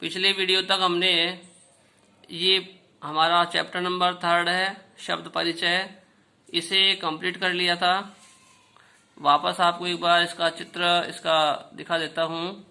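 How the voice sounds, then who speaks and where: A man teaching a school Sanskrit lesson to children, talking slowly and patiently, often checking in with the class and sounding out each word for them to repeat. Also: sits high, level tone, vocal fry, bright, forceful tone. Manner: pronounces words slowly for students to repeat.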